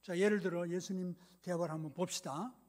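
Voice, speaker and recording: High-voiced pastor preaching dramatically. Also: male voice, steady tone, fairly quick. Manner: dramatic, swings from loud scolding to hushed whispers. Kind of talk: sermon.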